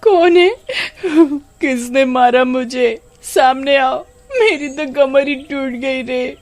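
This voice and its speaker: Shrill, nasty young aunt figure for an animated storybook, voiced by a woman. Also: moderate pace, close to an everyday voice. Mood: wailing. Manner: scolding, wailing when hurt. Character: cruel shrill young aunt, short-tempered.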